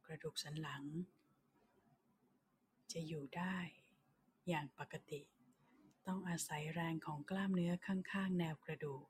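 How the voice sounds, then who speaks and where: Female meditation guide, low and very breathy, soft near-whisper, soothing, unhurried phrasing for sleep relaxation. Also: steady tone. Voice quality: soft, breathy voice that often slips toward a whisper. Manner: soothing, unhurried, short phrases with long pauses. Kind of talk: slow guided body-scan meditation for sleep.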